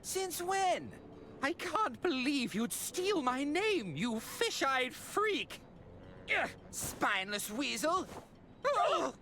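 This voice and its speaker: A woman's voice: high-pitched, very animated, a little slow, a bit bright, a little hiss or hum, heavily acted. A woman voicing a dim-witted, petulant, squabbling aristocratic son in a comedic game. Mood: confused, then petulant, insulting. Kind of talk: comedic adventure game acting.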